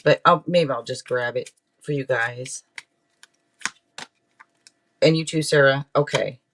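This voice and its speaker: Slow and a bit bright, a mid-pitched man gives a casual tarot reading while hosting a livestream, with slight background noise behind him. He chats and rambles, often pausing for playful remarks to the people watching.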